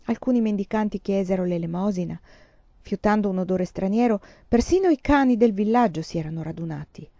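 A woman reading a novel aloud in a calm, measured storytelling manner. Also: medium pitch, no room sound, lo-fi sound. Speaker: audiobook reader.

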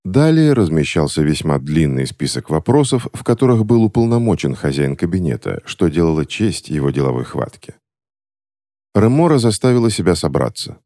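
A man narrating a fantasy novel as an audiobook reader, with expressive storytelling. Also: deep voice, normal speed, no echo, clean studio sound.

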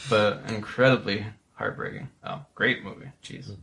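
Thoughtful man musing in halting chat. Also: on the low side, sing-song, gravelly, a bit bright. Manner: thoughtful, halting, many restarts. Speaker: podcast co-host. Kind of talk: casual chat.

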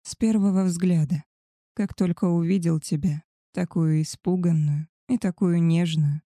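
A woman voicing a male werewolf alpha, a tender and possessive lover, in a soft, husky murmur for an audiobook. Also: lowish voice, fairly even intonation, measured pace, dry recording, clean studio sound. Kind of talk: audiobook character voice.

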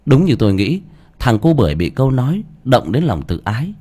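A man reads a first-person audio story with expressive, lively intonation. His voice is husky and sits in a middle pitch. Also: fairly quick. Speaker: audiobook reader.

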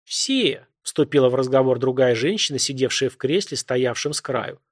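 A man reads scripted narration for an audiobook. His voice stays even and measured. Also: medium pitch.

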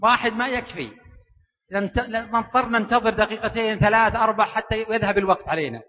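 A man giving a lively, joking religious lecture and drawing in a hall audience. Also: high voice, fast. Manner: animated, joking, coaxing the audience. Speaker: preacher giving a public lecture. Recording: dull, echoey lecture hall recording.

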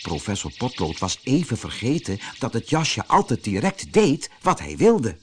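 A man from the Netherlands reading a children's fairy tale aloud as a storyteller, lively and expressive. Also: medium pitch, unhurried, breathy edge. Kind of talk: audiobook fairy tale narration.

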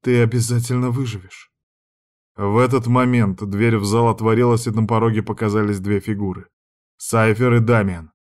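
A man's voice: on the low side, steady tone, normal speed. A man narrating a dramatic audiobook in a tense storytelling manner.

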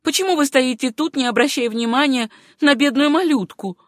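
A reader voicing an agitated middle-aged lady of the house in an audiobook, with high, exclaiming speech that turns to commands. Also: brisk, dry recording, clean studio sound, lightly acted. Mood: stern.

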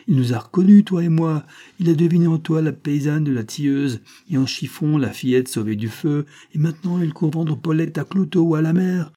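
A brutish drunk of a showman bellows and blusters, pitched up and loud, with a husky, dark edge to the voice, as a male reader puts him on. It is a storybook character, all rage and bluster. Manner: shouting, blustering.

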